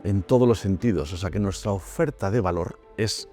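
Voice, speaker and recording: A man in his fifties from Madrid, a private bank executive speaking in a corporate interview, measured and pausing often with "eh". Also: low voice, dark tone, soft background music. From Madrid, Spain. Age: 50s. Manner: measured, with frequent "eh" pauses.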